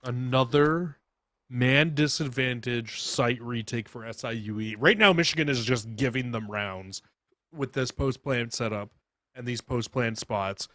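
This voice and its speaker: A man's voice: mid-range voice, a little slow, pushed and bright, dry recording. Emphatic male esports caster, mid-range voice. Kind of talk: live esports commentary and analysis.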